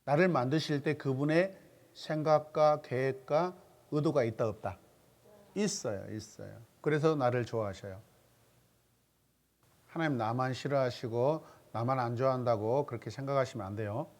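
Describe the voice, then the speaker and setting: Man, pastor, church Bible study seminar, asks questions, repeats audience answers, mid-pitched voice. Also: normal speed. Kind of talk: interactive Bible study teaching.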